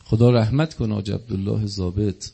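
A man's voice: lowish voice, fairly even intonation, creaky, mellow, slightly rough. A man preaching an impassioned religious sermon, telling a story and acting out its dialogue. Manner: impassioned, acts out quoted dialogue.

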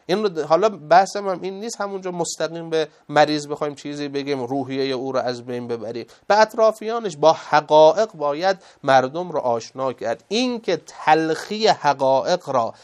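A man's voice: on the high side, hardly any pauses. A man giving a moral lecture as a religious speaker, emphatic and full of rhetorical questions.

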